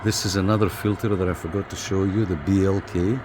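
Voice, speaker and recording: A deep, steady male voice speaks briskly in a casual hobbyist's hands-on review. He thinks aloud as he works, hesitant and repeating himself, against clear background noise.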